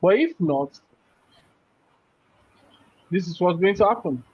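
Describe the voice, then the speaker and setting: A husky, animated man with a high-sitting voice teaches programming slowly, going through code one step at a time and often checking in with "right?". There's no echo, though the live class recording sounds muffled and dull.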